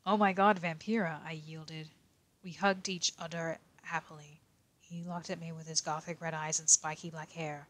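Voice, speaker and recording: Quiet young male detective, woman voicing: low, flat, in-character fanfic reading. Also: normal speed. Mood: deadpan reading.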